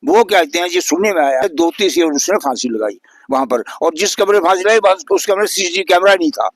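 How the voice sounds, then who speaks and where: An elderly man in his eighties speaks in a higher register than most men. His voice is dry and close, with almost no room sound. He talks earnestly and indignantly, pressing the same complaints again and again. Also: lively intonation, quick pace, no echo. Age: 80s. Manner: earnest, indignant, repeats points for emphasis. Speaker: local resident interviewee. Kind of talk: news interview.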